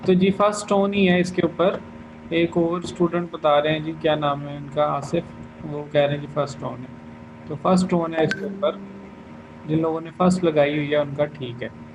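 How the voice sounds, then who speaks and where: A man's voice: fairly high pitch, fairly even intonation, moderate pace, background noise. A man teaching Chinese tones in an online class, patiently going over students' answers one by one.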